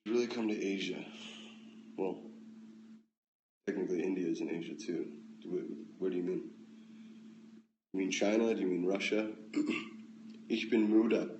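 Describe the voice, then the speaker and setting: An American man hosting a casual phone livestream at home, reading out comments with relaxed, dry, offhand replies. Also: sits low, normal speed, long pauses, a little hiss or hum. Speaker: livestream host. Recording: echoey room, faint ambience.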